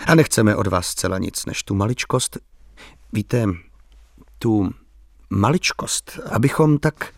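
A man's voice: mid-range voice, expressive, long pauses, no echo, clean studio sound, natural voice. A man voicing a bitter, ironic, middle-aged village intellectual who speaks politely but with an edge.

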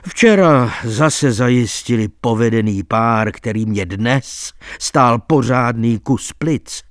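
Give me a brisk, gossipy court clerk, voiced by a man reading aloud, mid-pitched and dry. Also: no echo, lightly acted. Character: lively male court clerk, gossipy storyteller. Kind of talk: audiobook reading.

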